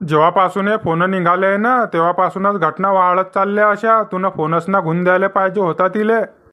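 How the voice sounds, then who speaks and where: Man voicing a grumbling village farmer, high and bright. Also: fairly even intonation, moderate pace. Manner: scolding, rustic banter. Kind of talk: cartoon comedy voice acting.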